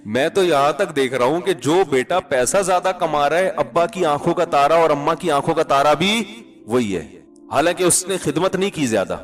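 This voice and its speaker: Male preacher, slightly high voice, chatty sermon delivery with dry humour and rhetorical questions. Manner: quotes Arabic verses in a chanting tone. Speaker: Islamic scholar giving a lecture. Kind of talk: conversational religious sermon.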